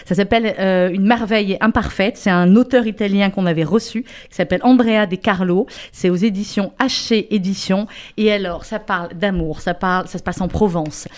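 A woman, a radio columnist, giving a talkative, lively book recommendation on the air. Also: mid-range voice, moderate pace. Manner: lively, talkative, animated storytelling.

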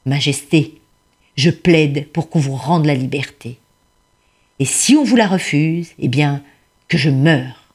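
Woman doing a humble woodcutter guy, low husky voice, earnest and deferential, storybook style. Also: takes it slowly, long pauses, a little mellow, heavily acted. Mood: tender. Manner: earnest and deferential, addressing a tigress as royalty. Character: humble grateful male woodcutter, poor and devoted.

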